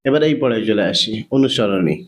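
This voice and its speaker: A man with a Bengali accent teaching Quran reading, spelling letters out one by one in a measured recitation drill. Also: lowish voice, animated. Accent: Bangladeshi Bengali. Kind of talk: slow spelling-out recitation lesson.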